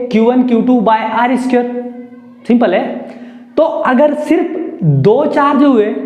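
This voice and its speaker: A man's voice: extremely high pitch, lo-fi sound. A male physics teacher giving a classroom lesson in a playful way, often asking his students rhetorical questions. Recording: echoey room.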